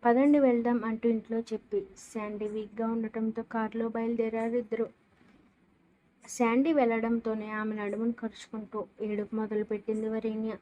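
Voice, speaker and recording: A woman narrating a scripted audio love story in a steady, expressive reading. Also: on the high side, normal speed, poor audio.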